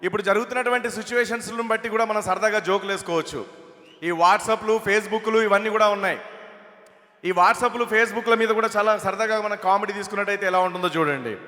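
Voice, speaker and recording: Fast, bright-voiced stage comedian. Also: male voice, high voice. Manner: chatty, setting up jokes. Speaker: mimicry comedian. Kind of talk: stand-up comedy at a stage event. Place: stage at a film event. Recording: reverberant hall.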